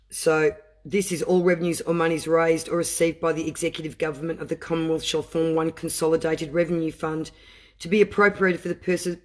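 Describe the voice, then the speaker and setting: A man who reads legal text aloud slowly and breaks into impassioned, emotional asides. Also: a little high. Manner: deliberate reading broken by impassioned asides. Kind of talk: reading aloud and commenting.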